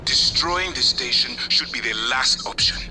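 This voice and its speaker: A man's voice: medium pitch, moderate pace, music in the background, close to an everyday voice, rough recording. An actor playing an urgent, pleading male researcher on a space station in a video game. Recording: game audio with noise.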